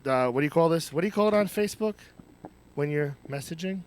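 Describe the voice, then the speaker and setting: A man hosting a live podcast from an office, joking loudly and cursing often. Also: on the high side, lively intonation, fast talker, a little hiss or hum. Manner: loud, joking, profane. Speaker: podcast host. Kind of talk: casual live podcast chat. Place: office studio. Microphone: headphones and studio mic.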